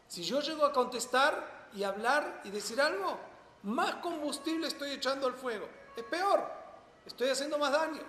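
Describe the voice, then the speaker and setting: Gravelly, high-voiced Rioplatense religious teacher. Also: male voice, a bit bright, roomy sound, big-room sound, slight background noise. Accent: Rioplatense Spanish. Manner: poses rhetorical questions, then answers them emphatically. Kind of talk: Torah lesson to a small audience.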